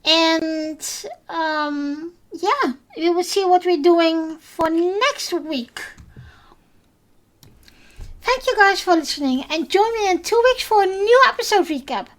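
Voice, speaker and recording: A native Dutch speaker with a Dutch accent hosts a solo podcast recap in a very high, expressive voice. She's unhurried and hesitant, often saying "um" and restarting.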